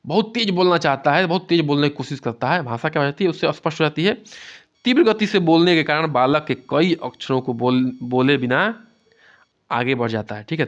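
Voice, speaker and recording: A man's voice: fairly high pitch, animated, a little fast. A man giving an exam-prep lecture and explaining things with a lot of repetition, often asking "theek hai". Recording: dull lo-fi sound.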